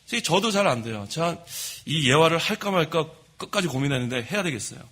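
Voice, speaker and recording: A middle-aged man preaching a sermon from the pulpit of a church, telling stories about himself in a lively way. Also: fairly high pitch, fast talker. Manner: lively storytelling, admits his own faults. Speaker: pastor. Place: church sanctuary.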